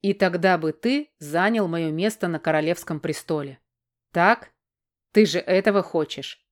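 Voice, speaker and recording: A stern, hot-tempered dragon-shifter prince, gruff and commanding, his voice held low, as a woman plays him in an audiobook. He barks orders with a threatening edge. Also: unhurried, natural voice. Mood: taunting. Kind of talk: audiobook character voice.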